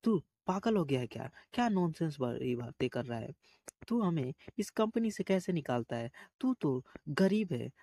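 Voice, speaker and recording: A man reading the lines of a haughty, scornful young woman, taunting and going shrill when angry, in a raised pitch. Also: very animated, normal speed, vocal fry, mellow, husky, no room sound, heavily acted.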